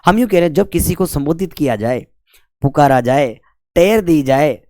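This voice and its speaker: A man's voice: fairly high pitch, lively intonation, normal speed, warm tone, dry recording, clean studio sound. Man quizzing his class. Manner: asks the class questions and answers them himself, drawing out the vowel sounds; chatty, with jokes between the rules. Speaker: Hindi grammar teacher. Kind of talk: exam-prep lesson.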